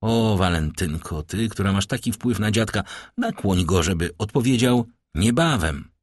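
A man's voice: fairly low pitch, animated, normal speed, no room sound. A man voicing a fretful young officer in love. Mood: pleading. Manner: pleading, fretful. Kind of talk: audiobook character reading.

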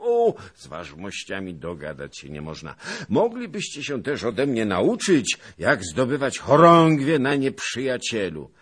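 A man voicing a boastful, blustering old nobleman who scoffs loudly and theatrically. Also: mid-range voice, huge pitch swings, a little slow, slightly rough, voice pushed up, full character voice. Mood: boastful scoffing.

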